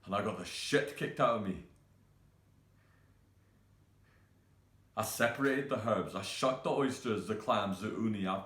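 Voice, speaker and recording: A man playing a halting grieving young cook. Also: fairly low pitch, a bit bright, reverberant, close to an everyday voice. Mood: bitter. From Scotland. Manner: hesitant, halting, many fillers and restarts. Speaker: actor performing a monologue. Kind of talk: self-tape monologue.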